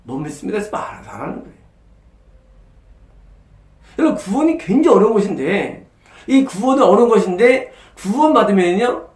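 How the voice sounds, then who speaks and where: Male pastor, sermon delivery, very lively pitch, emphatic rhetorical questions. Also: roomy sound. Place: church sanctuary.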